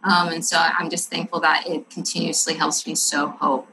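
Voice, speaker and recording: A woman's voice: low voice, little pitch movement, moderate pace, noisy background. A woman who teaches and writes books, giving an earnest, chatty testimonial full of faith talk and fillers. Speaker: teacher and author.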